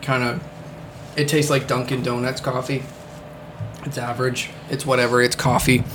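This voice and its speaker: A man's voice: mid-range voice, level tone, normal speed, background noise. A man hosting a casual podcast chat, rambling with many fillers and the odd swear word. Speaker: podcast host.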